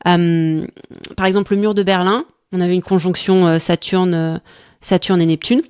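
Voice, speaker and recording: A woman's voice: fairly low pitch, fairly even intonation, moderate pace, a little mellow, clear, resonant tone, no echo, clean studio sound. A woman co-hosting an astrology coaching talk, speaking casually with many hesitations and restarts, searching for words, tired and laughing easily.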